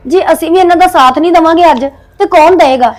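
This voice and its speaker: A woman's voice: extremely high pitch, fast, soft background music. A woman playing a wife in a family drama, speaking in an urgent, pleading way. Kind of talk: Punjabi family web drama acting.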